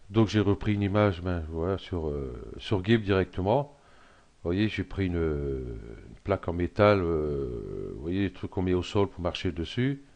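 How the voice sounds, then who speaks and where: Middle-aged man, very low voice, hesitant screen-tutorial walkthrough, slightly hoarse throat. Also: a little mellow. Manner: hesitant, thinking aloud with many fillers. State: frog in his throat. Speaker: tutorial presenter. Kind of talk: screen-recorded software tutorial.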